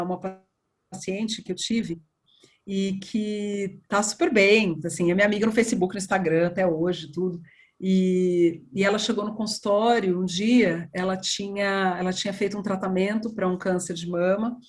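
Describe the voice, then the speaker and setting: A woman surgeon, talking in a relaxed interview and acting out past conversations as she tells them. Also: medium pitch, normal speed. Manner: animated storytelling, acts out dialogue. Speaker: breast surgeon guest.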